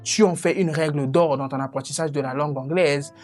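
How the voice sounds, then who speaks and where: A woman's voice: deep voice, fairly quick, a little mellow, soft background music. A woman teaching English pronunciation online, talking directly and encouragingly to the viewer.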